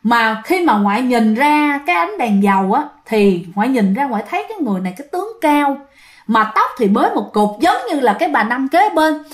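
Woman ghost-story narrator, higher voice, lively. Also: a little fast. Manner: animated, addresses listeners directly.

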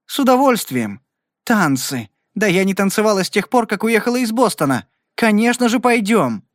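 A man reading an audiobook and voicing a cheerful, lively young woman in a raised, bright voice. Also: high voice, normal speed, dry recording, clean studio sound, pitched above the performer's own voice. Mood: delighted.

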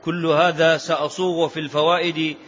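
A man's voice: on the high side, little pitch movement, a little fast, a bit bright. A man teaching a religious lesson on prophetic biography, reciting narrations emphatically and repeating key phrases. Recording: dull lo-fi lecture recording.

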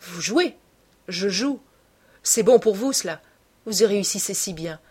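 A woman voicing a bitter, cold young man who lashes out at his lover with cutting reproach, in a husky voice. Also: mid-range voice, normal speed, a little mellow. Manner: cutting, accusing tirade.

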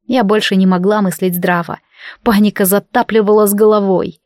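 A woman's voice: mid-range voice, fairly even intonation, a little fast, darkish tone, no echo, studio quality. Woman reading a romance fantasy audiobook. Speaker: audiobook narrator. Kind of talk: first-person audiobook narration.

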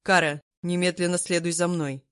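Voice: mid-range voice, a little fast, close to an everyday voice. A narrator voicing a stern young emperor who gives orders in a curt, commanding way in an audiobook. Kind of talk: audiobook character voice.

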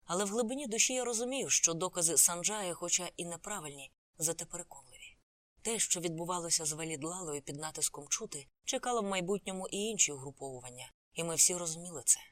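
A woman's voice: lowish voice, quick pace, a bit bright, no echo. A woman narrating a novel as an audiobook, reading the characters' lines in her own voice.

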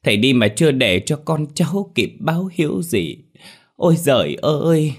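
A man narrating a story voicing a middle-aged son who wails loudly and theatrically over his dead father. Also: on the low side, expressive, takes it slowly. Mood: wailing. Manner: loud fake sobbing lament.

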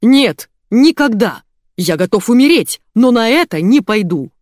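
A woman voicing a hot-tempered wealthy businessman who shrieks and shouts in rage, in an audiobook. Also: low-pitched, fairly even intonation, very slow, clean tone, dry recording, clean studio sound. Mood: screaming furious.

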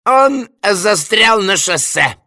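An actor playing a fussy, flustered theatre administrator who stammers and hesitates with "eh" in an audio drama. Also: male voice, sits high, lively intonation, takes it slowly, bright, forceful tone, dry recording, clean studio sound, heavily acted. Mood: triumphant.

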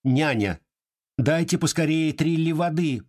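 A man reading an audiobook voices an impatient, imperious rich lady who scolds and bargains in a husky voice. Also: a little high, a little slow, darkish tone, pitched above the performer's own voice, lightly acted. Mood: scolding.

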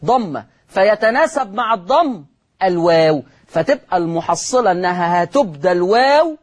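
A man with a high, expressive voice and an Egyptian Arabic accent presents Quran recitation rules on a television program. He goes over every rule twice, answers questions he poses himself, and chants example words at a slower pace.

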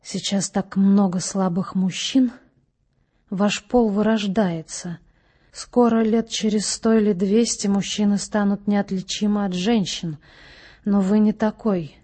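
Audiobook: a mysterious young lady voiced by the female reader, husky, slow and hushed. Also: medium pitch, steady tone. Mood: hushed, pleading. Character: mysterious young woman, low, chesty, slow.

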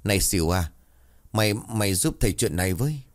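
A man's voice: lowish voice, lively intonation, fairly quick, close to an everyday voice. A man voicing a hot-tempered old exorcist teacher who scolds and curses. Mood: urgent.

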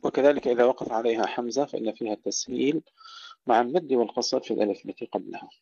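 A man teaching Quranic recitation rules, reciting short verse fragments slowly and a little louder, then explaining them in a calm teaching voice. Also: medium pitch, dry recording, lo-fi sound.

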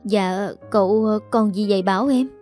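A young housemaid who shifts between sulky rudeness and stammering pleas, read by a woman narrator. The voice stays mellow, with soft music underneath. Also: a little high, normal speed, lightly acted. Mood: pleading. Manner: sulky, then stammering and pleading. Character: rude young female housemaid.

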